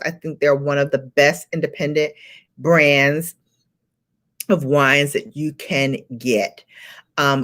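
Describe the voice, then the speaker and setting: A deep yet somewhat bright voice marks this casual livestream host, a Brooklyn, New York native with a Brooklyn accent. She chats easily with viewers, laughing often and greeting them by name, while faint music plays in the background.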